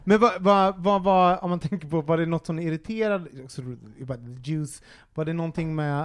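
A high-voiced man hosting a casual podcast. He rambles through his questions and laughs easily. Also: clean tone. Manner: chatty, rambling, laughs often. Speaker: podcast host.

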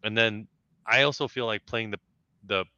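Deep, very bright-toned man. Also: normal speed, clear, resonant tone, dry recording. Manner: reflective, talks through his thoughts with restarts. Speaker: guest. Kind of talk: casual podcast chat. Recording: slightly dull lo-fi sound, dry.

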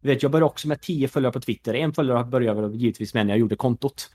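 A man's voice: mid-range voice, a little mellow. Chatty Swedish man in his thirties. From Sweden. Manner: chatty, filler-heavy, lots of "you know" asides. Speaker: former pro gamer turned esports executive. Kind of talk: casual podcast conversation.

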